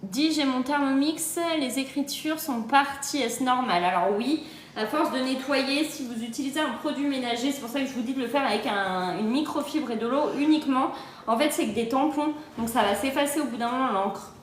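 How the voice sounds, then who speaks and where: Talking fairly quickly in a high voice, the woman, who sells kitchen appliances, keeps things chatty and upbeat as she responds to comments on her phone livestream, laughing frequently. She's on holiday in an echoey place, so the audio sounds roomy with a little hiss or hum.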